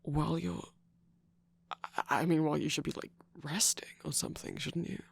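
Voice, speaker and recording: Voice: mid-range voice, normal speed, creaky, breathy edge. A performer voicing a teasing, manipulative male cookie trickster in a whispered ASMR roleplay, with a mocking, prodding manner.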